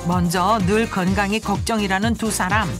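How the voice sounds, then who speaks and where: A woman narrating a TV documentary in a scripted, expressive and sing-song way. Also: medium pitch, moderate pace. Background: loud background music.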